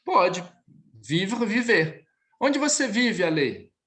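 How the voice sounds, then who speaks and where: A male French teacher leading a live online class, his voice rising and falling in a lively way. He explains patiently and repeats phrases slowly for his students. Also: high voice.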